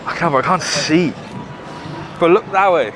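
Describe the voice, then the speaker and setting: A man's voice: fairly high pitch, moderate pace. A British man hosting a vlog with casual, slangy banter, swearing freely. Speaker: vlog host and race runner. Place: outdoors in a street before a race. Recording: outdoor city noise, music behind.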